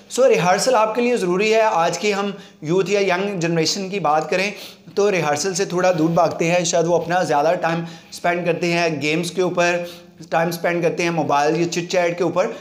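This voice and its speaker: A man giving a spoken lesson on speaking skills. He mixes English phrases into his talk and slowly repeats words to show how they are said. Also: sits high, echoey room. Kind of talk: instructional talk to camera.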